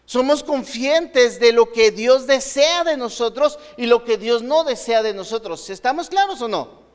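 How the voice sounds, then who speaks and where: Preacher, male, high voice, conversational sermon full of rhetorical questions, long reverb. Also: smooth. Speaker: pastor.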